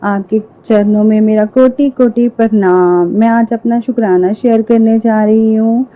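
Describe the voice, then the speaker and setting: A woman's voice: fairly high pitch, fairly even intonation, a little slow. A woman earnestly sharing a devotional testimony with a prayer group, often turning to address the congregation directly. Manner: earnest, repeatedly addresses the congregation, many fillers. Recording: tinny phone-line audio.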